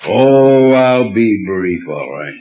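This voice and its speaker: A man's voice: fairly low pitch, big pitch swings, slow pace. An actor playing a bitter, vengeful American convict in an old radio drama, with a snarling tough-guy manner. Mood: defiant, menacing. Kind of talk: 1930s radio drama acting. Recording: dull old radio recording.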